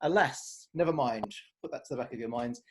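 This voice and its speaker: A man's voice: mid-range voice, a little fast, slight background noise. A man hosting a casual football podcast, friendly and rambling, laughing easily. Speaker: podcast host.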